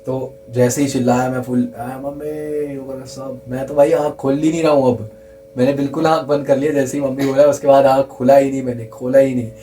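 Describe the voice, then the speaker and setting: A young man earnestly telling a true scary story in casual chat, repeating himself for emphasis and dropping to a hush at the tense parts. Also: mid-range voice, little pitch movement, fast, slight background noise, poor audio.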